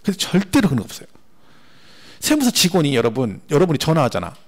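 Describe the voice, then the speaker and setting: Male instructor lecturing an exam-prep class, brisk and lively, voice a bit higher than most men. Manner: animated, repetitive, rhetorical questions to class. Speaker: tax law instructor.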